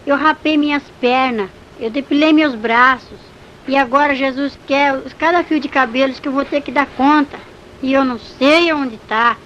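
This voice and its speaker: A desperate young woman , played by a woman, pleads anxiously from her torment. The voice sits a bit high, and the recording is slightly dull with a faint hiss. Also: normal speed, fairly bright tone. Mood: anguished.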